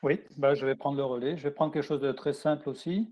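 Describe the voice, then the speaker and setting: A man's voice: on the high side, steady tone, quick pace, mellow. A man giving a screen-share tutorial to teachers, explaining plainly with frequent fillers. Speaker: teacher trainer.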